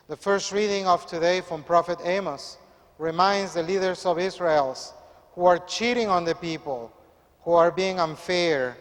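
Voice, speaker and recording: Priest in an echoey church. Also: male voice, high voice. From Peru. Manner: measured, earnest preaching. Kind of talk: Gospel reading and sermon.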